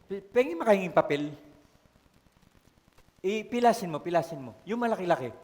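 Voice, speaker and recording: A man's voice: high voice, lively intonation, a little fast, a little mellow. A male pastor with a Filipino accent preaching a sermon in a storytelling way, often calling out to the congregation. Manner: storytelling, code-switching, asks the congregation for responses. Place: church hall. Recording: long church-hall reverb.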